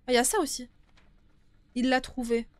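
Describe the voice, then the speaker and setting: A young woman giving casual, informal live commentary on a horror game, chatty and quick to swear. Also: high-pitched, level tone, dry recording. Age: young adult. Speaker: game streamer. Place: small indoor streaming room. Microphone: close desktop streaming microphone.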